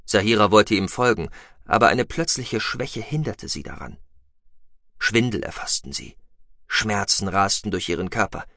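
A man narrating a science-fiction audiobook in a measured, even way. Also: fairly low pitch, gravelly, dry recording, clean studio sound.

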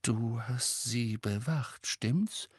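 A man reading aloud, voicing a sly teenage wizard boy who probes quietly. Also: mid-range voice, a little slow, slightly rough, dry recording, studio quality. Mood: probing. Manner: quiet, probing.

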